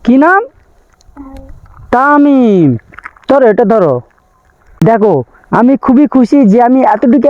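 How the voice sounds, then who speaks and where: High-voiced man coaxing little kids. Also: clear, resonant tone, no echo, muffled recording. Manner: coaxing, playful, sing-song talk to small children. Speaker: vlogger. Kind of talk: casual vlog talk to children and viewers.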